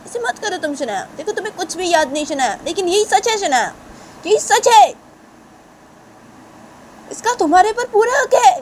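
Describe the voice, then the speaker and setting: A woman puts on an angry mother figure who scolds in quick, demanding questions. The voice is high and bright, and the recording is noisy, with a steady hum.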